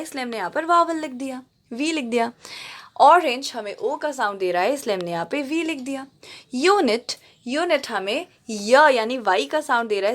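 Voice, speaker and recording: A woman teaching English grammar to students, explaining step by step, reading examples slowly and checking that they follow along. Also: sits high. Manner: checks in with the class often.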